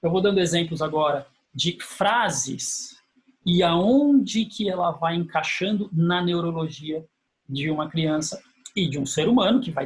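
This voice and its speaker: A man teaching a lesson, walking through slides in an explanatory way and slowly acting out phrases that parents say. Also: fairly high pitch. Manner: explanatory, repeats key phrases. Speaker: instructor. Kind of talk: explaining slides in a lecture video.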